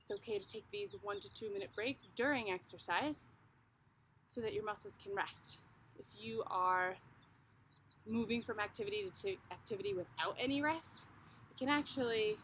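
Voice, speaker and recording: A woman's voice: medium pitch, fairly bright tone, a little hiss or hum. A woman fitness instructor guiding a home workout, calling out the moves and cheering people on. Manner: encouraging, coaching. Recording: echoey room with guitar music.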